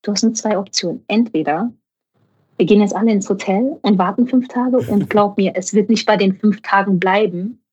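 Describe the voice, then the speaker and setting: A young adult woman, an actress, telling a lively anecdote and acting out the voices of the people in it. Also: normal speed, slightly rough, highs cut off. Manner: acts out voices of others in her story, often rising high. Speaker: actress and guest.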